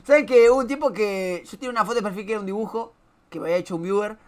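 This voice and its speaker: A man's voice: sits high, very fast, a little mellow. A young man with a Rioplatense Spanish accent giving casual reaction commentary on a stream. He swears a lot and laughs often.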